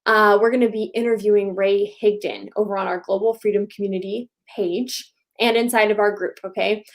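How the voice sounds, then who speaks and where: A woman's voice: medium pitch, fairly even intonation, brisk. A woman co-hosting a live coaching show, upbeat and encouraging, firing off rhetorical questions. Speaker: co-host. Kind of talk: live-streamed coaching chat.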